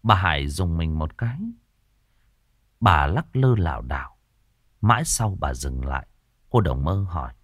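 A man narrating a ghost story in a slow, somber, dramatic reading. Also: very deep voice, lively intonation, fairly bright tone, no echo, clean studio sound.

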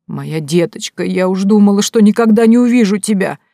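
A woman reader voicing an emotional middle-aged cook who speaks loudly through tears. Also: mid-range voice, lively intonation, a little fast, creaky, dry recording, studio quality, pitched above the performer's own voice. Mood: tearful joy. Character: tearful, fussy middle-aged female cook.

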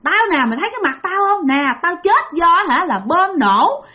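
A woman voicing a vengeful female demon who jeers and menaces in a raised, shrill voice. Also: very animated, normal speed, sharp tone, soft background music, heavily acted. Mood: taunting. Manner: taunting, menacing, repetitive jeering. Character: vengeful female demon, killed by a bomb, taunting.

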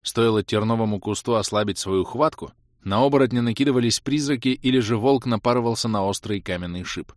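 A man narrating a fantasy adventure audiobook in the first person, lively and acting out the dialogue. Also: mid-range voice, a little fast, no echo, clean studio sound. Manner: lively, acts out shouts and dialogue.

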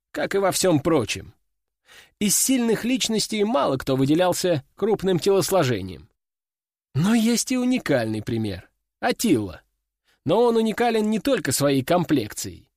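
A man reads a first-person story aloud in a lively, expressive way. His voice sits a little high and moves animatedly through each sentence. The recording is close and dry. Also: no echo. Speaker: narrator. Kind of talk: first-person audiobook narration.

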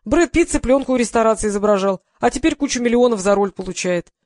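A reader putting on a male film crewman who mocks and coaxes in a teasing, jokey tone. The voice is pitched above the narration, with a dry, close sound. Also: animated, quick pace, a little mellow, no room sound, close to an everyday voice. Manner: teasing, laughing persuasion. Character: mocking joking male film crew member. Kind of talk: audiobook character voicing.

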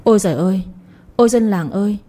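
A shrill, sharp-tongued older village mother, hurling curses and wailing to the neighbours in a spoken storybook, as a woman reader puts her on. The tone stays warm and dark underneath, with a husky, breathy edge. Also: fast, natural voice. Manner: wailing, cursing, screeching abuse.

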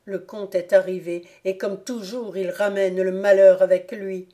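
A woman's voice: medium pitch, flat delivery, unhurried, mellow, natural voice. A woman reading the lines of an anguished young nobleman in love, agitated and pleading. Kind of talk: audiobook character reading.

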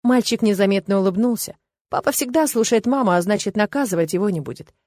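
A woman narrating an audiobook in an even storytelling manner. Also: medium pitch, fast, no echo, clean studio sound. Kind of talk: scripted narration.

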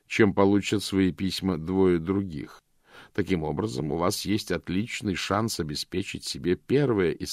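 A man with a low voice reads an audiobook in a measured, even way. The sound is dry and close, with no room around it. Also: no room sound. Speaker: audiobook narrator. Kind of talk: scripted narration.

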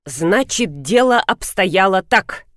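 A bold, quick-witted middle-aged woman talks her way out of trouble with brisk cheek, as a woman puts her on. Her pitch moves a lot, and the sound is dry and close. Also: expressive, a bit bright, no room sound. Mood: explaining.

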